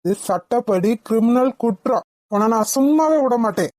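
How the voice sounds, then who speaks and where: A woman voicing a protective young male hero in a cartoon, who lectures sternly and then comforts gently. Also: a little high, lively intonation, moderate pace, dry recording, close to an everyday voice. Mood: stern, scolding. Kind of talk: cartoon voice acting.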